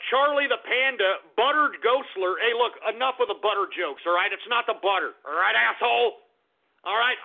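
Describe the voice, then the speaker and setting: With a high pitch and noticeable vocal fry, a man hosts an online talk radio show, ranting in loud, profane exasperation punctuated by abrupt shouting. The sound quality is lo-fi and tinny, resembling a phone call.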